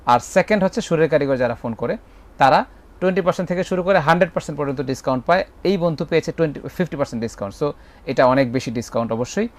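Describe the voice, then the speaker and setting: A man hosting a live call-in music show, friendly and gently correcting callers. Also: fairly high pitch, expressive, very fast.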